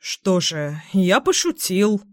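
A woman's voice: mid-range voice, sing-song, slow pace, darkish tone. A woman voicing a sly, joking male ruff fish who excuses himself in a storybook.

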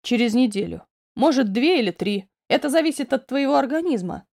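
A woman voicing a calm, reassuring middle-aged male doctor who talks gently and steadily. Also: high voice, brisk, vocal fry, no echo, studio quality, full character voice. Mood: soothing.

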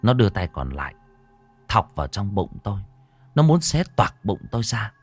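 A man with a low voice narrates a horror story dramatically. His pitch rises and falls widely as he tells it. The recording is close and dry. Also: moderate pace, dry recording, soft background music. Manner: dramatic, expressive.

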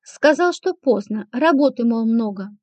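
A woman's voice: fairly high pitch, animated, a little mellow, no room sound, voice pushed down. Flustered young housemaid, read by a woman. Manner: flustered, hurried. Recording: dull lo-fi, dry.

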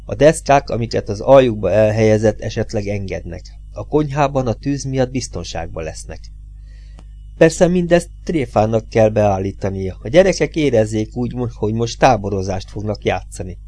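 A man's voice: fairly low pitch, animated, dark tone. A man reading a suspenseful story aloud as an audiobook, with tense, dramatic emphasis. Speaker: audiobook reader.

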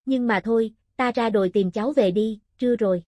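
A woman reading the part of a calm, good-humored old village hunter in a storybook, in a steady, gently joking way. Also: a little high, a little fast, no room sound, lightly acted.

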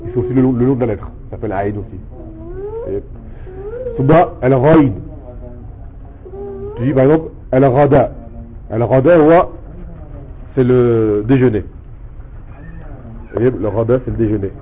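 A man teaching a language lesson, explaining patiently step by step and repeating words slowly for his student. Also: mid-range voice. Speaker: Arabic teacher. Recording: tinny phone-like sound with faint noise.

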